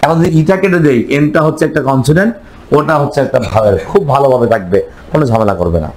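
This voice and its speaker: A man's voice: medium pitch, very fast, a little mellow, a little hiss or hum, poor audio. A man teaching chemistry, quizzing his students and answering his own questions. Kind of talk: classroom lecture.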